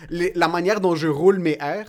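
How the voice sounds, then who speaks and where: A man's voice: sits high, normal speed, a little mellow. A young man hosting a podcast, speaking candidly and swearing freely, with English words slipped in. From Quebec, of Lebanese parents. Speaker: podcast host. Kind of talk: casual podcast chat.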